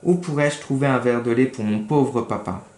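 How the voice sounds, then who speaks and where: A man's voice: medium pitch, moderate pace, a little mellow, echoey room, close to an everyday voice. A man reading aloud and voicing a wooden puppet boy in a storybook, earnest and eager.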